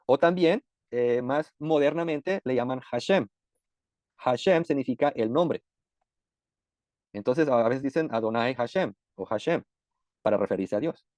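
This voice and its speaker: A man teaching a sermon-style Bible lesson, explaining patiently frequent "eh" pauses. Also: medium pitch, lively intonation, a little mellow, no room sound.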